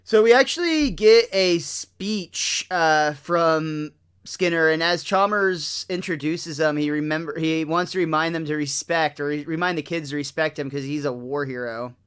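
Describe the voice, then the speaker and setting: A man's voice: fairly high pitch, moderate pace, fairly bright tone, smooth. A man co-hosting a casual podcast recap, talking in an informal, slangy way. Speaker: podcast co-host. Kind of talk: casual episode recap commentary.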